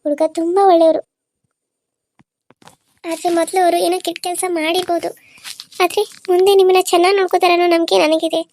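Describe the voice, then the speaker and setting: A woman voicing a caring young married woman in a Kannada cartoon serial, speaking gently and earnestly. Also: extremely high pitch, level tone, fast, pauses often. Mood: persuasive.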